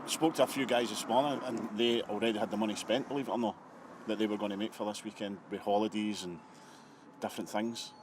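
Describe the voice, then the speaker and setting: Local businessman interviewee. Rapid, fairly deep, unscripted, noisy location recording. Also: fairly even intonation.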